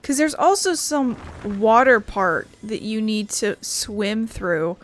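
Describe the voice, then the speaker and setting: A gaming video host with a mid-range voice does casual let's-play commentary at a slow pace, animated as she bluntly grumbles and swears while playing. Game music runs in the background.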